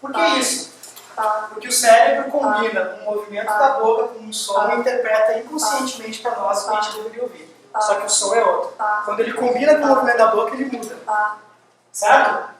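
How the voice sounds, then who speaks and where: A man giving a university lecture, lively and firing quick questions at the audience. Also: very high voice. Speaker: guest lecturer. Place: large lecture hall. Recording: echoey hall, distant mic, faint hiss.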